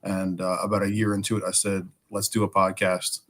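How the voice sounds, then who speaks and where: Man, smoker's rasp, hoarse, lowish flat voice, casual guest chat. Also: a little fast. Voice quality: raspy, smoker-like. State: hoarse from bronchitis, fighting a cough. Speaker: guest, firefighter and podcaster.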